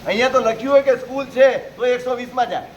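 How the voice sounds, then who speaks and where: A man's voice: very high voice, fast, lo-fi sound, a little hiss or hum. A man preaching a sermon to a live audience, pressing them with rhetorical questions and exhortations. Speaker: Jain preacher.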